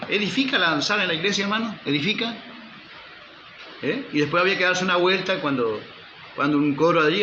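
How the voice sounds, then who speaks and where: Emphatic pastor preaching. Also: male voice, fairly high pitch, sharp tone, a little hiss or hum. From Uruguay. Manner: emphatic preaching with rhetorical questions and calls for amen. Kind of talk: sermon. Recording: roomy, slightly dull church recording.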